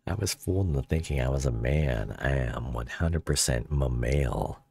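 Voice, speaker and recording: A man's voice: normal speed, creaky, darkish tone, breathy edge. A man streaming with a voice changer on, chatting casually in a rambling, joking way with frequent self-interruptions. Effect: voice changer pitching the voice very deep. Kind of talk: casual livestream chat.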